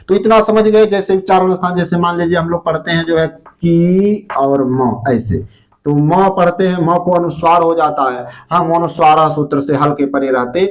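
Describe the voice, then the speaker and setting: A man teaching Sanskrit grammar for exam preparation, explaining patiently, repeating terms and sounding out syllables. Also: a little high. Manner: frequent fillers. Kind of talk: exam-prep grammar lesson.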